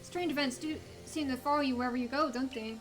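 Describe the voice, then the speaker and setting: A woman voicing a sly, obliging male merchant from a fantasy game, talking with smooth, theatrical courtesy. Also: sits high, fast, faint music behind, close to an everyday voice. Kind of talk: reading game dialogue in character.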